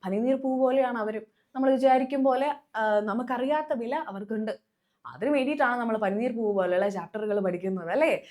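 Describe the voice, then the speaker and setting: A young woman teaching a live online class with a Kerala Malayalam accent, coaxing her students with many quick questions. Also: a little high, a little mellow.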